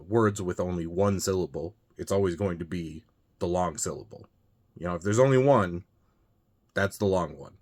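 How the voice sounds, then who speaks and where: A man with a low, deep voice talks viewers through poetry vocabulary. His delivery is loose and unscripted, full of small restarts and fillers as he works out his explanations. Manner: loose and unscripted, frequent uh and you know, restarts. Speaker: host of a reading channel. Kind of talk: casual explainer talk.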